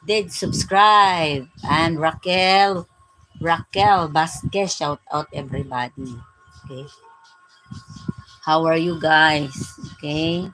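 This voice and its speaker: Slow, low-voiced Filipino woman in her forties. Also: low-quality recording. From Philippines. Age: 40s. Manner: greets viewers warmly, repeating "my dear, my friend". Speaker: live-stream vlogger. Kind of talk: casual live-stream chat with viewers.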